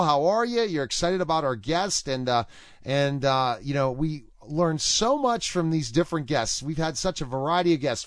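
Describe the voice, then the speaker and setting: A man's voice: on the high side, fairly bright tone, dry recording, studio quality. A man hosting an interview show, talking casually and rambling with restarts and fillers. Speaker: talk show host.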